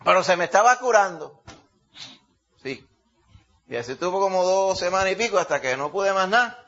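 Male preacher, higher-pitched voice, chatty Bible teaching, muffled lo-fi recording. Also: animated, moderate pace, sharp tone. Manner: conversational, folksy, checks in with "¿verdad?" and "¿ok?". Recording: dull lo-fi recording.

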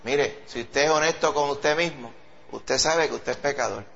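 A man preaching a sermon with a Puerto Rican accent, animated and acting out quoted voices. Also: normal speed, gravelly, a little hiss or hum. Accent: Puerto Rican Spanish. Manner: animated, acts out quoted voices in a high pitch. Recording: dull lo-fi sound.

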